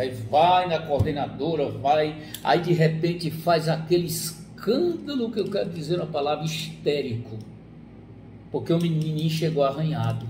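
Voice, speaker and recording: A man talks through a psychology lesson in a lively, animated way, voicing the parents and children in his examples. His voice sits high for a man. The room is echoey, with a faint hum of ambience behind him. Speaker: psychologist giving a talk. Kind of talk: explanatory talk.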